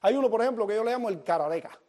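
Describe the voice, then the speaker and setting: A man's voice: sits high, very fast. A man hosting a TV comedy show, telling jokes and acting out the dialogue in his stories. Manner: animated storyteller acting out dialogue. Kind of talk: comic monologue to the camera.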